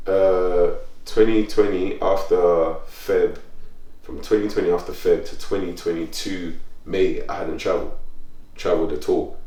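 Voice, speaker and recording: Slightly slow and deep-voiced, this podcast host spins animated, slangy stories in relaxed conversation, his pitch leaping when he gets excited. He's recorded a little off the mic, giving a roomy sound.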